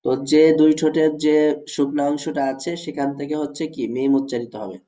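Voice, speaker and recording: A man's voice: a little high, fairly even intonation, fairly quick, mellow, rough recording. A man teaching Arabic letter pronunciation as a lesson, methodical and formal with his students, repeating each point.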